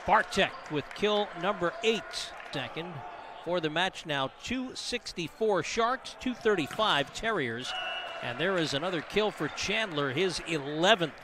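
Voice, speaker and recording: High-voiced man calling live volleyball. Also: animated. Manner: brisk, rises to shouts on big plays. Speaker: play-by-play commentator. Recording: noisy arena broadcast feed. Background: gym ambience and ball bounces.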